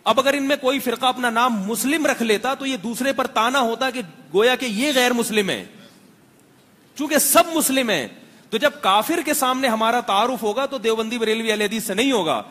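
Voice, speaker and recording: A man's voice: very high voice, sharp tone. A middle-aged man from Pakistan, an Islamic scholar giving a religious lecture to a seated audience, talking conversationally with rhetorical questions and wry humor. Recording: long hall reverb.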